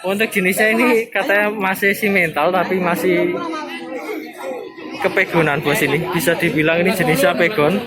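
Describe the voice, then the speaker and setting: A man's voice: sits high, steady tone, moderate pace. A man with a Javanese-region Indonesian accent giving casual on-site commentary as a livestock market vlogger, addressing viewers familiarly. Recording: loud crowd and music behind. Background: crowd noise and music.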